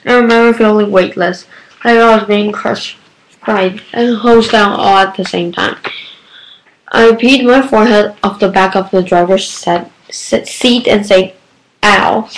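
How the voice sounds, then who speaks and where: A woman reads a novel aloud in first person, in a middle-pitched voice. It is an unpolished amateur reading, full of small slips and restarts that she fixes as she goes. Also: steady tone, measured pace, slight background noise, poor audio. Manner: stumbling, self-correcting amateur reading.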